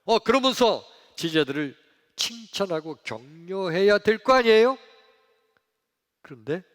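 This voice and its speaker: A male pastor preaching a sermon in a church, telling the story dramatically, acting out voices and swinging between loud outbursts and hushed lines. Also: fairly high pitch. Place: church sanctuary. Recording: long hall reverb.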